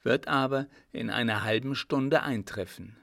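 A man's voice: mid-range voice, a little slow, creaky, a bit bright, no echo, clean studio sound. A man voicing a young officer who bursts in with urgent news, speaking formally. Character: young male officer, breathless messenger.

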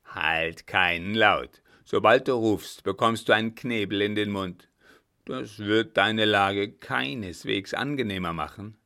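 An actor playing a callous brother who speaks bluntly and without pity. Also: male voice, on the low side, unhurried, fairly bright tone. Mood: cold. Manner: blunt, pitiless. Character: callous brother, cold, heartless.

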